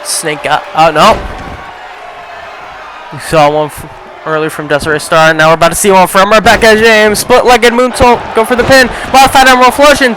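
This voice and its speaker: High-voiced man shouting wrestling play-by-play. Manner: fast play-by-play, often shouting. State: losing his voice. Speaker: play-by-play commentator. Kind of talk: video game wrestling commentary. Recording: crowd noise and game sound behind.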